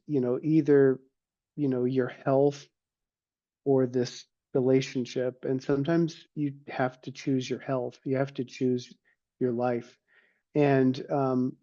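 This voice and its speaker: A man appearing as a guest therapist, speaking thoughtfully with pauses and small restarts. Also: mid-range voice, dark tone, dull audio. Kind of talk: casual interview chat.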